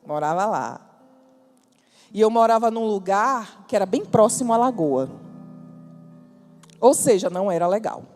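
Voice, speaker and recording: Woman preacher, testimony sermon, animated storyteller, big hall reverb. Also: mid-range voice, unhurried, long pauses, soft background music. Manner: lively storytelling, acts out dialogue, bursts of emphasis.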